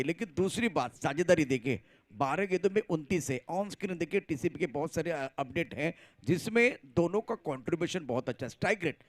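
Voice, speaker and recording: A man giving cricket commentary as an analyst, talking through the play with emphatic, admiring remarks. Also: on the high side.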